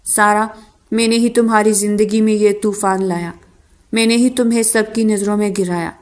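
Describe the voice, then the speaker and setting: An earnest, pleading young husband begging his wife's forgiveness, read by a woman narrating a romance audiobook. He speaks with steady, remorseful urgency at a medium pitch. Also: lightly acted. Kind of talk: audiobook novel reading.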